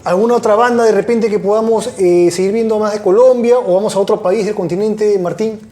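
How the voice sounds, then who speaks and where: Fast-talking host, mellow voice. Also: male voice, sits high, steady tone, echoey room, a little hiss or hum. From Peru. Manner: quick, steering the talk with short agreements. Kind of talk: casual interview chat.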